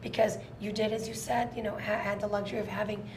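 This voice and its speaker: A woman's voice: medium pitch, level tone, fast talker. A woman co-hosting an interview show, speaking in an articulate, empathetic way as she introduces and questions guests. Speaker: talk show co-host. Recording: clear background noise and ambience.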